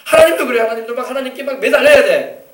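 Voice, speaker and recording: A high-pitched man delivers a sermon with forceful emphasis, now and then shouting out lines in other people's voices. His voice carries through a reverberant sanctuary and is picked up from some distance away from the mic. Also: lively intonation, very fast. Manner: emphatic preaching, rising to shouts, acting out quoted voices. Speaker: pastor. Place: church sanctuary. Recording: echoey church, voice from a distance.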